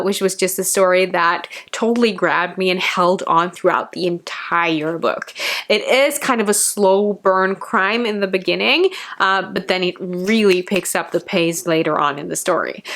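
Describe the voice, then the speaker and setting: A woman hosting a casual book review vlog, chatty and excitable, speeding up when she gets excited. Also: on the low side.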